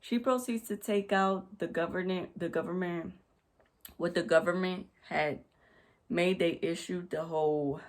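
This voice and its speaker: A woman's voice: lowish voice, steady tone, unhurried. A woman vlogger retelling a work story to camera, emphatic and repetitive with frequent restarts, recorded at home on a USB desk mic. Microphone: USB desk microphone.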